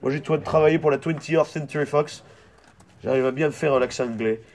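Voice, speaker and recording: A man's voice: fairly high pitch, a little fast, darkish tone. A young man from the south of France with a southern French accent, rambling through an absurd improvised comedy monologue with playful, mock-serious tangents. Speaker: comic vlogger.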